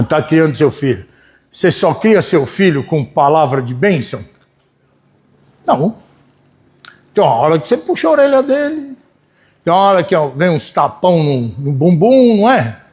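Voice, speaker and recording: Folksy Brazilian pastor preaching. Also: male voice, a little high, normal speed, pauses often. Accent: Brazilian Portuguese. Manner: folksy, keeps asking the congregation "né?"; animated, swings between loud and soft. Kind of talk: sermon. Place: church before a congregation.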